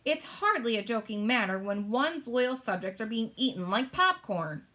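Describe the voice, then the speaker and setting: A woman's voice: on the high side, sing-song, moderate pace, pushed and bright. A woman voicing an imperious, testy queen with a formal, commanding manner in a storybook reading. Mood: dry, testy.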